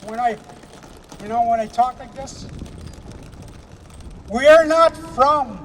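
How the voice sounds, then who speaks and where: A man from Canada delivering an impassioned speech at an outdoor rally, emphatic and repetitive, slowing down to stress key phrases. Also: extremely high pitch, fairly bright tone, long reverb tail, a little hiss or hum. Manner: emphatic, repetitive, with slow weighty pauses. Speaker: rally speaker.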